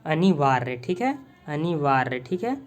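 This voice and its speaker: A man's voice: on the high side, fairly even intonation, a little mellow. A man with an Indian accent teaching English words through Hindi in a casual lesson, asking and answering his own questions, often stopping to search for a word. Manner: repeats "ठीक है" constantly, asks and answers own questions; pauses to search for words, hesitant fillers. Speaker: vocabulary teacher. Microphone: phone on tripod with mic.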